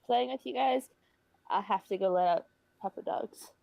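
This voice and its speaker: A woman's voice: mid-range voice, moderate pace, creaky, darkish tone, dry recording, low-quality recording. A woman player in a tabletop game, talking casually with a bit of hesitation.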